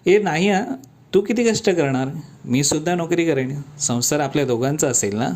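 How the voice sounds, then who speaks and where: A man's voice: a little high, moderate pace, a little mellow, lightly acted. A man voicing a cheerful, pampered young woman in love, who talks in a playful, affectionate, teasing way.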